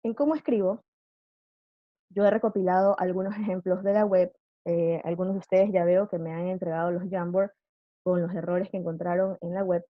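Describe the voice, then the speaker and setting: A woman's voice: on the low side, flat delivery, brisk, dry recording, phone-quality sound. A woman teacher giving a live online class, patiently quizzing her students with questions.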